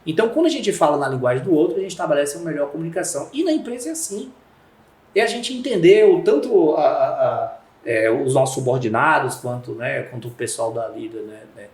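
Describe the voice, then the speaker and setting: A man with a Brazilian Portuguese accent, a podcast guest explaining communication through lively stories and acted-out dialogue. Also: a little high, fairly quick, echoey room. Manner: animated storyteller acting out quoted dialogue. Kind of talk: conversational podcast interview.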